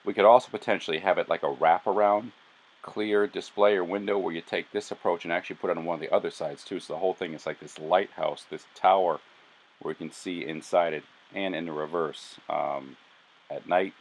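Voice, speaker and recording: Very deep-voiced man narrating a sketch. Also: fairly quick, rough recording. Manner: monotone, self-deprecating. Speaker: tree house builder narrating a sketch. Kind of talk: casual voice-over narration.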